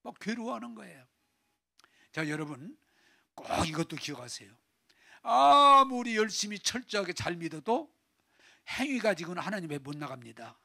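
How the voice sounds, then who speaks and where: Middle-aged pastor, high bright voice, dramatic preaching with shouts and hushed asides. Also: male voice, sing-song, normal speed, vocal fry, pauses often. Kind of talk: sermon.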